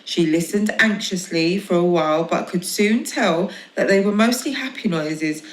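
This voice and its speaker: A woman reading a children's story aloud in a gentle, expressive way. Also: lowish voice, normal speed. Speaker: storybook reader. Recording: echoey room.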